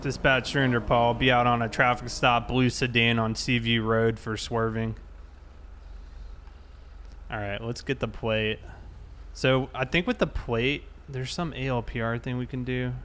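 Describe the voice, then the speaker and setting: A man's voice: medium pitch, flat delivery, measured pace, a bit bright, slight background noise. A man in casual police roleplay, talking in a conversational, explanatory way. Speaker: player roleplaying a police officer. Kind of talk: casual roleplay narration and dialogue.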